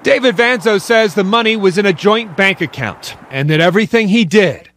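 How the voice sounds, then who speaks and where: Steady male news voice-over. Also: sits high, normal speed, a little hiss or hum. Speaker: news reporter.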